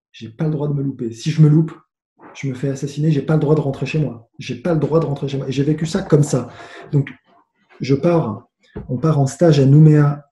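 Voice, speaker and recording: A man with a very dark, mellow voice tells his story in a relaxed, animated way, full of restarts and swearing. The room around him is echoey, the sound of a remote call. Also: mid-range voice. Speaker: guest, former tennis player. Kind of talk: casual storytelling. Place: home with noise nearby. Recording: roomy echo.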